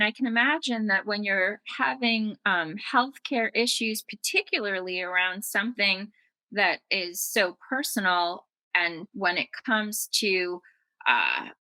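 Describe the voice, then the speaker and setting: Bright-voiced woman podcast host. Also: mid-range voice, dry recording, low-quality recording. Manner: polished, encouraging. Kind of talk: scripted intro and interview questions.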